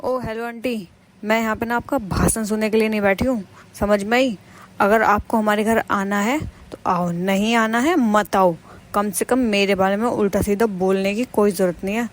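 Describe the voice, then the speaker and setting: A defiant, boastful young daughter-in-law, voiced by a woman in a home-drama cartoon. She talks back in a mid-pitched voice and lectures in a pushy, self-assured way. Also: fairly even intonation, moderate pace, close to an everyday voice. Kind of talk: animated cartoon voice acting.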